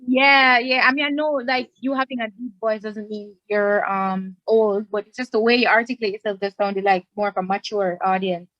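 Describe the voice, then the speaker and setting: A woman hosting a club meeting over a video call, chatty and quick to laugh. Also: mid-range voice, steady tone, dry recording. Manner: chatty, laughs easily, second-guesses herself. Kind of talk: casual online meeting hosting. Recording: dull lo-fi online call audio.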